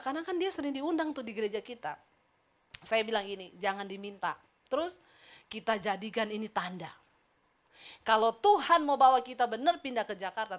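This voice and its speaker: High-pitched lady pastor, chatty sermon, tells stories and quizzes the crowd. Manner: chatty, animated, addresses congregation as "saudara", acts out dialogue. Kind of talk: sermon with storytelling.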